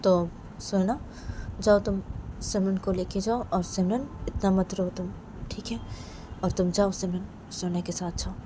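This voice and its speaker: A woman voicing a kindly father in a storybook tale, speaking softly and reassuringly. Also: mid-range voice, steady tone, unhurried, noisy background, lightly acted. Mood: gentle. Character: kindly father sending his daughter away.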